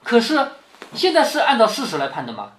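A man's voice: very high voice, a little fast, a little hiss or hum. A man reading a classic novel to his daughter and explaining it, often checking with questions as he goes. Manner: keeps checking with rhetorical questions; lively, acts out quoted lines. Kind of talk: explanatory storytelling lesson. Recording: roomy echo.

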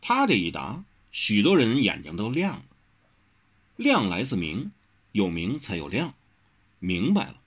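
A man narrating a martial-arts novel as an audiobook in an expressive, storytelling manner. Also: fairly low pitch, measured pace, long pauses, breathy edge.

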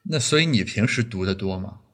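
A man's voice: on the low side, lively intonation, brisk. A man hosting a podcast, asking curious, probing follow-up questions in a casual interview. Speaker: podcast host.

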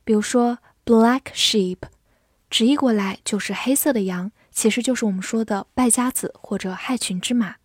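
Woman, English teacher, fairly high voice, slow and deliberate, spells words out, dry close sound. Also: slightly rough, no room sound. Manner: spells words letter by letter, then reads slowly. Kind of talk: scripted vocabulary lesson.

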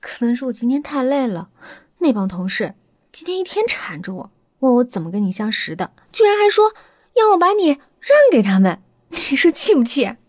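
A woman voicing an excitable, pouty young wife in a ghost story. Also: high-pitched, moderate pace, no echo, clean studio sound, pitched above the performer's own voice. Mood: playful. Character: young wife, playful, then quick-tempered and suspicious.

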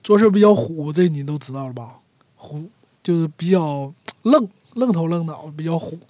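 A speaker from Northeast China, explaining dialect words in a chatty Northeastern Mandarin accent at an ordinary, middle pitch. The sound is close and dry, with almost no room around the voice. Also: expressive, normal speed, darkish tone, no echo. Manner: chatty, acts out everyday sample phrases. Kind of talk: casual explanatory talk.

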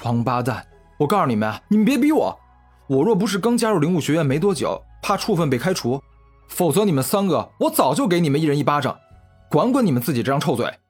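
A righteous young hero with a short temper, voiced by a male narrator. He speaks fast and in a slightly raised voice that swings widely. The tone is husky and indignant. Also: fairly high pitch, sing-song, faint music behind. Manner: indignant, shouting rebukes.

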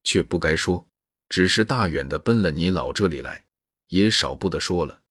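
A man voicing a poor, humble old countrywoman who speaks in a halting, self-effacing way in a storybook reading. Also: sits low, expressive, a bit bright, slightly rough, dry recording, studio quality, full character voice. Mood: humble, pleading.

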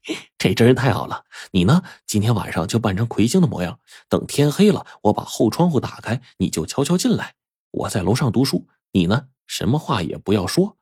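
A resolute young scholar, earnest and persuasive, as a male storyteller plays him. His voice sits a little higher than the narrator's and swings lively, with a husky grain. It sounds close and dry. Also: no room sound, full character voice.

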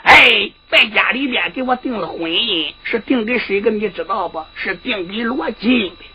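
A woman storyteller voicing a bold, sharp-tongued young noblewoman warrior who answers back with quick retorts. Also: mid-range voice, expressive, muffled recording, faint music behind, lightly acted. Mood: pleading. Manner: pleading then cutting, quick retorts. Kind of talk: Henan zhuizi sung storytelling.

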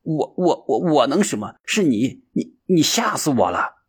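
A man voicing Shanzi, an excitable and easily frightened young male villager who stammers and exclaims, in a storybook reading. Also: medium pitch, normal speed, slightly rough. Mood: tearful.

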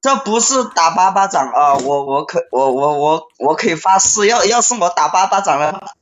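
A woman in an online voice chat game, wailing exaggerated drawn-out calls. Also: lowish voice, lively intonation. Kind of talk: livestream voice chat. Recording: lo-fi online voice chat, faint noise.

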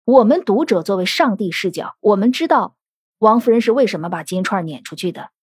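A woman's voice: medium pitch, expressive, a little fast, darkish tone, husky, no echo, clean studio sound. A woman giving podcast commentary on a classic novel, analytical and full of rhetorical questions. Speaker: literature commentator.

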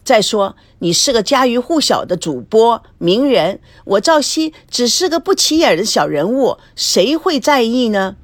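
A woman voicing a smug young ex-husband who teases and mocks in a storybook reading, with a lively, animated delivery. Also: a little high, a little slow, few pauses, no room sound. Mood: mocking. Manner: teasing, mocking.

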